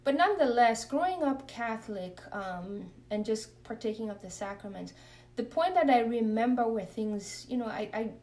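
This Kenyan religious sister has a slightly high, a little mellow voice, expressive and at a moderate pace. Earnest and reflective, she gives interview testimony and spoken prayer, recorded a bit far from the mic.

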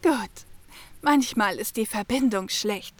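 A woman's voice: medium pitch, lightly acted. A woman voicing a smug, elderly, know-it-all fortune-teller in a fan radio play. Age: older. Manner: self-satisfied, slow and deliberate. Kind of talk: amateur radio play acting.

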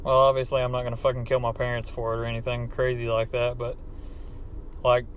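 Man, Appalachian hillbilly accent, medium pitch, rambling casual podcast host, sweary, self-deprecating, recorded in a car, faint background noise. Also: monotone, a little fast. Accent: Appalachian hillbilly American. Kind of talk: casual unscripted monologue. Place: inside a car.

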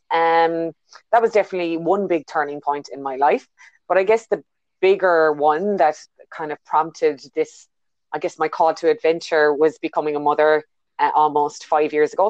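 A woman from Ireland, a business consultant, is a guest in a casual interview over a video call from a quiet bedroom at home. She speaks low and reflectively in a steady tone with an Irish accent, thinking aloud with plenty of ums and restarted sentences. The call line sounds dry and close, a little dull and muffled, with no room sound.

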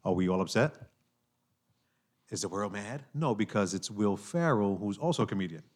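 A man from New York hosting a casual podcast chat, animated, repeating himself and filling with "like" and "right?". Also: lowish voice, normal speed. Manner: animated, talks with hand-wavy fillers and repeats himself. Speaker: podcast host.

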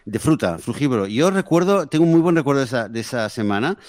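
A man's voice: medium pitch, expressive, fast, darkish tone, dry recording, clean studio sound. A man co-hosting a casual podcast chat, a father telling a story with many fillers and restarts. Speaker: podcast co-host; father of daughters.

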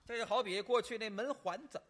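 A man performing a staged comic crosstalk dialogue on stage, teasing and bargaining in animated banter. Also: high voice, fairly quick. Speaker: crosstalk comedian.

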